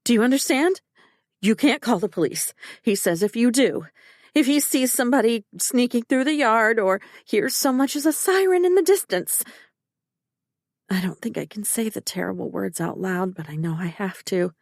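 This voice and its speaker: A woman's voice: on the high side, animated, moderate pace, a little mellow, no echo, studio quality. A woman narrating a first-person thriller audiobook in a tense, urgent and emotional way.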